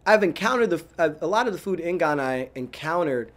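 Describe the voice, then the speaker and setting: A man in his thirties from New York, a chef answering interview questions in a casual, animated way, with frequent "like"s and restarts. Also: on the high side. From New York, USA. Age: 30s. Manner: animated, talks fast with many "like"s and restarts.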